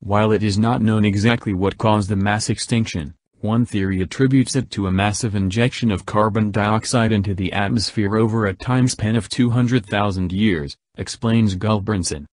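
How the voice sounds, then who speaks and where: Low-voiced man narrating like a nature documentary. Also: moderate pace, few pauses, no echo. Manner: reads formally from a written article. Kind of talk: scripted news narration in a nature documentary manner.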